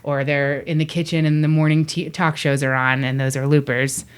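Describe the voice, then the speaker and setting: A woman guest telling stories in a lively way and acting out the quotes she tells. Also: low-pitched, normal speed, clean tone. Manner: animated storytelling, acts out quotes. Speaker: guest, voice actor. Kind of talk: casual interview chat.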